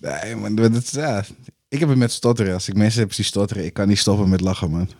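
A man's voice: lowish voice, fast talker, dry recording, clean studio sound. A man in casual chat, joking and laughing through his stories. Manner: laughing, joking, expressive reactions.

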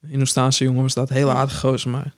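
A man in casual chat, telling animated anecdotes full of acted quotes and laughter. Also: mid-range voice, quick pace.

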